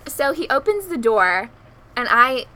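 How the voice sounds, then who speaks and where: A woman's voice: high-pitched, big pitch swings, a little slow, sharp tone. A young woman telling a long story in casual chat, rambling, with many likes and ums, and laughing through it.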